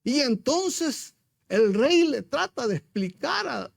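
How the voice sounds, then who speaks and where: A man's voice: very high-pitched, very animated, slow pace, creaky, no room sound. A man preaching a sermon as pastor, retelling a story with emphasis and rhetorical questions to his congregation.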